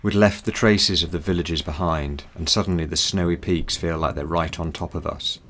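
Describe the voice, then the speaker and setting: Male vlog narrator, very low voice, scripted travelogue read over background noise. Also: fairly even intonation, moderate pace, a bit bright.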